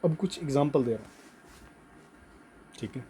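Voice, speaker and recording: Mellow-voiced man teaching grammar. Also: mid-range voice, lively intonation, a little hiss or hum. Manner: slow emphatic dictation, repeats words, frequent "ठीक है". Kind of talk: Hindi grammar lesson, dictating notes.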